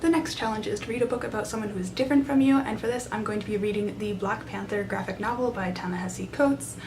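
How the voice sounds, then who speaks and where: A woman's voice: quick pace, loud music behind the voice. A young adult woman chatting casually and enthusiastically to camera as a book vlogger, recorded on a handheld camera in a small room. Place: small side room in a library, indoors. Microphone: camera at arm's length. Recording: noisy room with low rumble.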